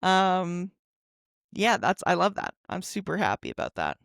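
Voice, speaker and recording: A woman's voice: fairly low pitch, very animated, unhurried, gravelly, no echo, clean studio sound. A young adult woman co-hosting a podcast, talking casually with lots of fillers and laughs. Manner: chatty, full of fillers and laughs. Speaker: podcast co-host. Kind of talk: casual chat.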